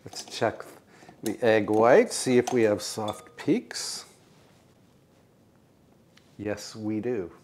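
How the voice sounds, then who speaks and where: An older American man hosting a home cooking show, explaining each step in a calm, precise, gently encouraging way in his kitchen. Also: fairly low pitch, extremely slow, pauses often, slight background noise. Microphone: lapel mic.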